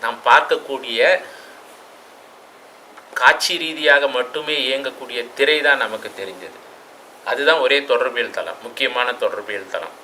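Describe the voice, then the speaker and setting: A man giving a reflective lecture, asking rhetorical questions and stressing words with sudden loudness. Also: medium pitch, moderate pace, long pauses, slight background noise, poor audio. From Tamil Nadu. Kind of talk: classroom lecture.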